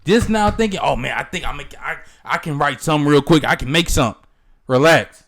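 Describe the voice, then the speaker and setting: A man's voice: a little high, lively intonation, brisk, vocal fry, a bit bright. A young man co-hosting a podcast in casual chat, emphatic and teasing, leaning on catchphrases like "you feel me". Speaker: podcast co-host.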